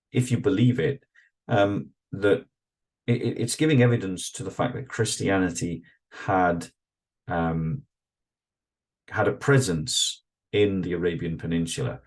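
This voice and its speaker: In a low, darkish voice, a native English-speaking man reads passages aloud and then reflects on them alone. His commentary is thoughtful but hesitant, full of fillers and restarts.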